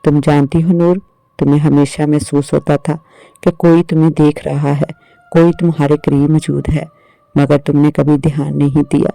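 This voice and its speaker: Man reading as a young male jinn, gentle, teasing, soft, flat delivery, gravelly tone. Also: fairly high pitch, normal speed, no room sound. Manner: soft, playful, reassuring.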